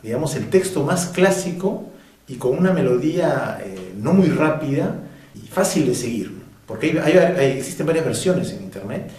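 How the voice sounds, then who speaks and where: A man teaching French pronunciation to Spanish speakers, drilling words slowly and carefully and now and then breaking into a bit of off-key singing. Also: mid-range voice, very animated, darkish tone, echoey room, far from the mic.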